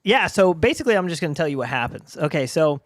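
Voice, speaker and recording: A man co-hosting a casual podcast, retelling a TV scene in an animated, laughing way. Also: on the high side, quick pace, no room sound, studio quality. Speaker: podcast co-host. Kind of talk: casual chat.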